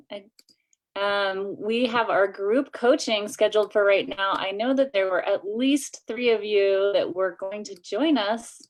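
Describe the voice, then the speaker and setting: A woman hosts a coaching group's live stream, chatty and upbeat, and she laughs easily. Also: medium pitch. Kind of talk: casual live-stream chat. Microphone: video call.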